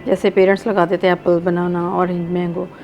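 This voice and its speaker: A woman's voice: on the low side, little pitch movement, a little fast, dull audio, slight background noise. A woman, a guest expert on child speech, giving instructive answers in a talk show interview. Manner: instructive, quotes parents in anecdotes.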